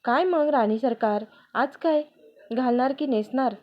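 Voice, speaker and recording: A woman's voice: high voice, measured pace, pitched above the performer's own voice. A woman voicing a playful, affectionate young husband in a read-aloud family story, on a dull lo-fi recording. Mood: teasing. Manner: teasing, affectionate.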